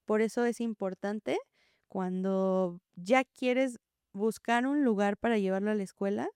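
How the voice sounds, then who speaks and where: A woman, a preschool teacher, explaining gently in an interview and acting out what children and teachers say. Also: mid-range voice, unhurried, clean tone, no echo, studio quality. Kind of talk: interview answer, calm explaining.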